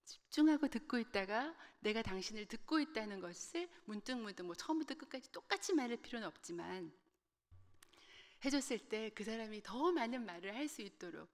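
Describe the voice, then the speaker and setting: A woman from Korea with a Gyeongsang accent giving a lively, humorous talk to a church group and speaking straight to her listeners. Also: a little high, a little fast. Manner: lively and humorous, addressing the audience directly. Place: church sanctuary. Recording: long reverb of a church hall.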